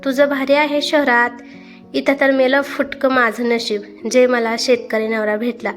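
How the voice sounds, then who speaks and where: A woman's voice: sits high, level tone, a little slow, faint music behind. A woman voicing a rude, demanding young wife who complains shrilly, in a storybook reading. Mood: complaining.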